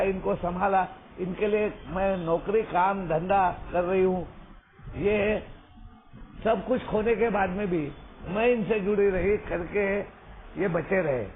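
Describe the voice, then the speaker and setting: A man talks through a tinny, phone-like line with a faint hiss underneath. His voice sits fairly high for a man. He tells a long story in an earnest, unhurried way and keeps checking that his listener is still with him. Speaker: recovery sponsor sharing. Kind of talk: storytelling over a phone call.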